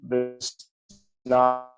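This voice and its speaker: A man presenting medical case data over a video call, talking in a measured way with many fillers, while his audio cuts out and its volume rises and falls unevenly. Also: medium pitch, completely flat delivery, highs cut off, over music. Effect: audio cutting out, uneven volume.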